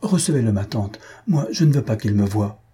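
A man's voice: fairly low pitch, expressive, moderate pace, dark tone, husky. A man voicing an anxious young nephew who pleads hesitantly with his aunt, in a storybook reading. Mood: earnest.

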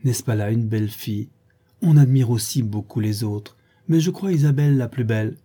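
A man's voice: mid-range voice, moderate pace, dark tone, husky, close to an everyday voice. A man reading aloud, voicing an effusive, boastful middle-aged mother in a storybook with a gushing, raised voice. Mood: gushing proud.

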